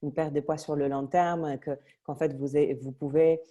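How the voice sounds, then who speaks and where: A woman's voice: low-pitched, fairly even intonation, normal speed, warm tone, dull audio. A woman fitness coach interviewing a client, hesitant and full of fillers.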